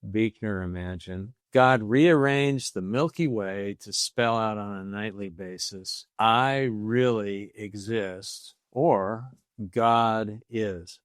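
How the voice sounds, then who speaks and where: An older American man, in his late sixties or beyond, tells a personal faith story in a folksy, deliberate grandfatherly way, posing rhetorical questions. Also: lowish voice, no room sound, clean studio sound. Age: late 60s or older. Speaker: storyteller giving a faith talk.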